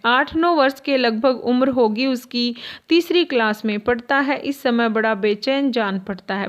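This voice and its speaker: A woman's voice: sits high, a bit bright. A woman teacher explaining a school lesson in a patient, explanatory way, asking rhetorical questions. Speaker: Hindi teacher. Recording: dull lo-fi recording.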